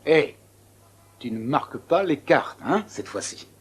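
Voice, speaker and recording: A man's voice: medium pitch, sing-song, measured pace, husky. A man dubbing a friendly, chummy hospital staffer in a French film, jovial and familiar.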